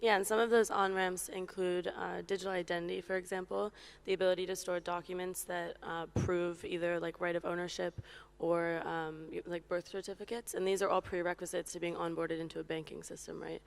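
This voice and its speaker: A woman from Hong Kong speaking as a panelist in a conference discussion, measured and even, with a few fillers. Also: lowish voice, gravelly.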